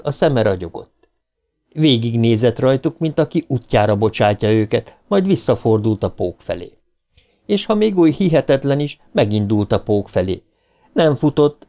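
Guy narrating a horror audiobook, mid pitch, tense and dramatic. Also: dark tone.

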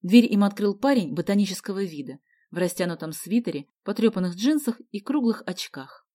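A woman narrating a children's audiobook with expressive storytelling. Her voice has a medium pitch and moves animatedly up and down. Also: a little fast.

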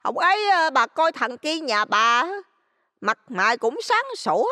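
Woman doing a shrill loan-shark dame. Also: big pitch swings, measured pace, pushed and bright, dry recording, studio quality, long reverb tail, exaggerated voice. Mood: mocking. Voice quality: shrill, piercing. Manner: scolding, mocking, abrupt pitch swings. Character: shrill greedy middle-aged female village loan shark.

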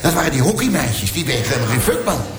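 A man's voice: medium pitch, very animated, fast talker, crowd noise. A man doing live stand-up storytelling, rambling with stammered repeats and crude punchlines. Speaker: stand-up comedian. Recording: echoey hall, loud audience laughter.

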